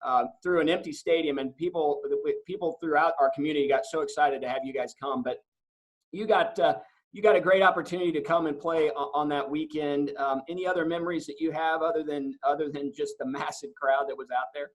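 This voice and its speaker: A male host with a slightly high voice runs a relaxed interview over a video call. He jokes and hesitates, and his questions come out full of fillers and restarts. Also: fairly quick, poor audio. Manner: joking, hesitant, many fillers.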